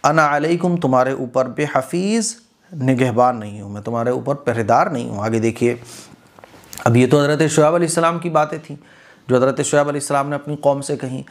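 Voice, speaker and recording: A man's voice: medium pitch, brisk. A man giving a religious lesson, explaining patiently phrase by phrase and asking rhetorical questions. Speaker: Quran teacher.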